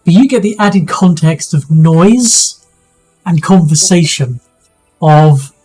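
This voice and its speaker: Slow-talking man on a clipping, distorted mic. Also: on the high side, animated, breathy edge, faint music behind. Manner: halting, full of restarts and fillers. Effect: clipping, distorted loud mic. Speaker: game master. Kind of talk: narrating a tabletop game.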